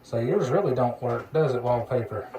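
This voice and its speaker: At an indoor electronics workbench, a man who's a CB radio hobbyist chats casually while demonstrating a radio he repaired. His voice is medium-pitched at normal speed, and the recording is clearly noisy with background hiss.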